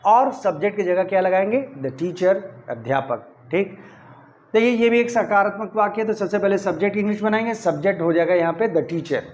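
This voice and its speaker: A man's voice: sits high, expressive, a little fast, a little mellow. A man teaching English grammar in Hindi, explaining step by step and often checking that his students follow. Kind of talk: Hindi-language grammar lesson.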